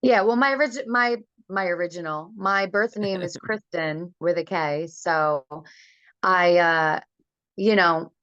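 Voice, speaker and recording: A woman talks loosely and chattily as an interview guest over a conference call. Her voice sits low, and the call audio is dull, lo-fi and dry, with no room sound. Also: a little slow, a bit bright, no echo. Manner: chatty, loose, many fillers. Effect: heard over a conference call, audio breaking up. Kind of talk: casual remote interview.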